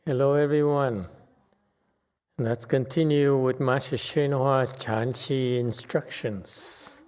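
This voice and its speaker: A man giving an informal explanatory lecture as a Buddhist teacher, halting often as he searches for words. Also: medium pitch, steady tone, darkish tone, clean tone. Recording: long reverberant hall sound.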